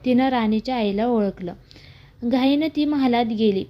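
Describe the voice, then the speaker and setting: A woman reading a devotional story aloud, with small slips and restarts, raising her pitch for quoted characters. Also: normal speed, highs cut off.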